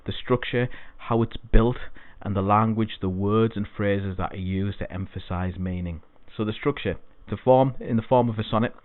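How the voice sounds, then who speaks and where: A man's voice: lowish voice, normal speed, few pauses, no echo. A man teaching an exam-prep poetry lesson, explaining things patiently and repeating key points. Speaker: English tutor. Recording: dry, phone-like lo-fi sound.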